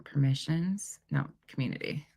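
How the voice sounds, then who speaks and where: A middle-aged woman from North Dakota, USA, hosts a casual livestream, reading comments and chatting in a blunt, animated way with plenty of swearing. She has a light North Dakota accent and a low, gravelly voice at a normal pace.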